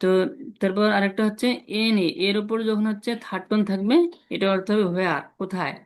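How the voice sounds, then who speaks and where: A man teaching an online language lesson, patiently repeating sounds slowly for students to copy over a video call. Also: sits high, fairly even intonation.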